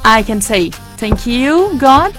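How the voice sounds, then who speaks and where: A woman's voice: on the high side, big pitch swings, takes it slowly, fairly bright tone, soft background music. A woman from Brazil with a Brazilian Portuguese accent, a guest in a live studio interview who speaks chatty, hopeful English with restarts.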